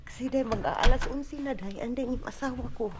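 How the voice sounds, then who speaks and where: A woman's voice: fairly quick, noisy background. A woman chatting casually to her viewers in a home vlog, calling them "day" and "Inday" and now and then cheering at her toddler. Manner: chatty, frequent "day" and "mga Inday" asides; coos and cheers at her toddler in high bursts. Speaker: vlogger. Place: snowbound house, indoors and at the door.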